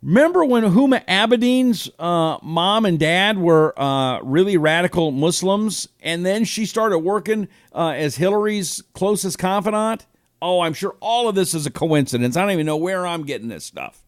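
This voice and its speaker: A man in his fifties with an American accent hosts a political talk show live, offering casual commentary and reading out listener comments. His high voice is animated at a normal speed, and he rambles conversationally, full of rhetorical questions. The sound is studio quality with no echo.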